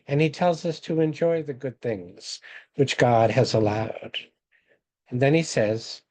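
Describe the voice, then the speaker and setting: Slow, mellow-voiced man reading scripture. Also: mid-range voice, rough recording. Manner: measured, reads quotations slowly and deliberately. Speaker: webinar presenter.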